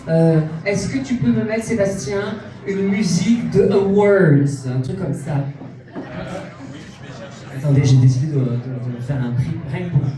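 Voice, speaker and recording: A grandiose, self-adoring stage diva, played by a man in a live cabaret act. The voice sits high and camp, heard from a distance in a very echoey club. A lively crowd fills the room. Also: unhurried. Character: vain self-proclaimed international diva, female persona. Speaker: drag cabaret performer. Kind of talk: cabaret stand-up in character.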